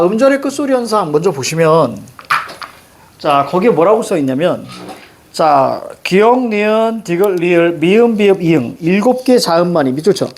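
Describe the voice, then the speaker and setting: A middle-aged man with a Seoul accent teaching a Korean language lesson, animated and joking with students, repeating cue words. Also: sits high. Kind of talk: lively classroom lecture.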